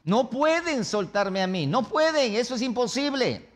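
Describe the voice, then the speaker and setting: A preacher acting out a bragging condemned criminal, a man stunned that he could go free. He speaks in a high male voice and piles up his crimes one after another in disbelief. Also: expressive, unhurried. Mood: incredulous. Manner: incredulous, bragging.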